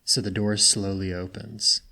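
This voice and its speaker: Low-voiced young man running a tabletop game. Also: level tone, sharp tone. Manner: casual, halting, full of likes. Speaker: game master.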